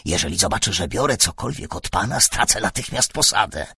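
A man voicing an eager, deferential young stable groom who talks in a hurried way. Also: fairly low pitch, expressive, creaky, pushed and bright, husky, dry recording, studio quality, heavily acted.

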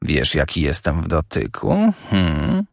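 A man voicing a menacing masked young man who taunts in low, slow, growling tones. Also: wildly swooping pitch, creaky, dry recording, studio quality, full character voice.

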